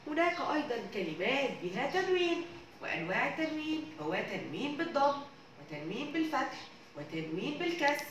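A woman's voice: sits high, sing-song, brisk. A woman from Egypt, a primary school teacher, reading a story and explaining words and grammar to young children in a didactic manner. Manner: warm didactic tone, addresses the children as dear ones. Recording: echoey room, distant mic, background noise.

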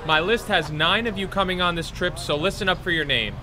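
A man's voice: high-pitched, a little fast, pushed and bright, slight background noise. An actor playing a strict, impatient male teacher who herds students onto a school bus, stern and dryly exasperated in an amateur audio drama. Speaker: teacher chaperone.

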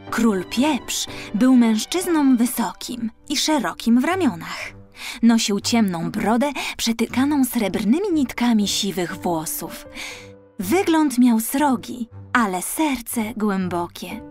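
This fairy tale for children is narrated from a script by a woman with a fairly high voice. As an audiobook storyteller, she reads expressively and phrases each line with care.

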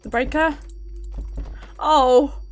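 A woman's voice: sits high, steady tone, very slow, faint music behind. A British woman streaming a horror game, panicky and given to swearing and repeating herself. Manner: panicky, repeats phrases, swears, nervous laughter. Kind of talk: live horror game commentary.

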